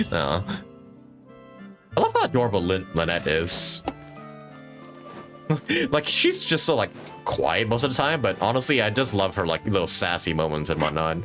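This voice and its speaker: A man's voice: low-pitched, wildly swooping pitch, unhurried, long pauses, bright, forceful tone, faint music behind. A young man live-streaming a game, reacting with jokes, laughter and swearing. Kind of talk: casual live-stream commentary.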